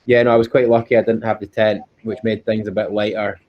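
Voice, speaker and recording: A man's voice: on the low side, flat delivery, fast. A man with a Scottish accent chatting informally and earnestly as an interview guest, often repeating himself. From Scotland. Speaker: interview guest, endurance cyclist. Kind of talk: casual interview chat. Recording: dull, lo-fi call audio.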